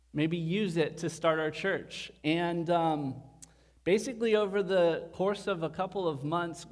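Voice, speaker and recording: Pastor booming in an echoing tunnel. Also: male voice. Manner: casual, conversational preaching. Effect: echoing tunnel-like sound through the church speakers. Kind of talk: sermon. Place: church building. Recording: echoey hall sound.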